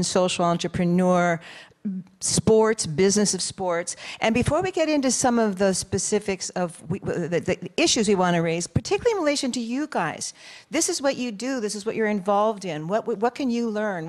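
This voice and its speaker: A woman moderating a panel discussion, chatty and effusive, with quick restarts. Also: mid-range voice.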